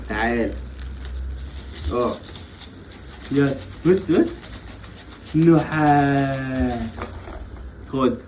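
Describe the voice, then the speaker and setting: A man's voice: mid-range voice, a little mellow, a little hiss or hum, low-quality recording. A young father with an Egyptian accent playfully coaxing his small children in a family vlog, laughing often. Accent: Egyptian Arabic. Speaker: father and vlogger.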